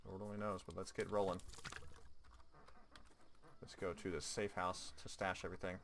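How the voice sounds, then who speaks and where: A low-pitched man with a bright, forceful tone, talking casually through a game stream. He jokes and laughs as he plays, with a faint hiss of noise behind him. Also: little pitch movement, moderate pace. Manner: chatty, jokey, laughs often. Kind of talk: casual gameplay commentary.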